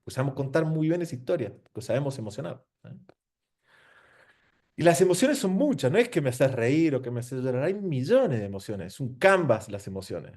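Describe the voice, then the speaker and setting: An Argentine man gives an informal seminar talk on marketing. His pitch swings widely as he asks rhetorical questions and drops slang. The tone of his voice is warm and mellow. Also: big pitch swings, fairly quick. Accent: Argentine Spanish. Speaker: marketing speaker. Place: venue with an audience.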